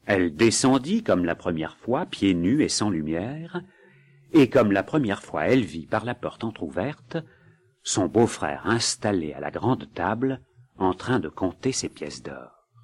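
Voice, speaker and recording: A man reading a folk tale aloud in an expressive storytelling manner. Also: lowish voice, husky. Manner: expressive, dramatic. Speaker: narrator.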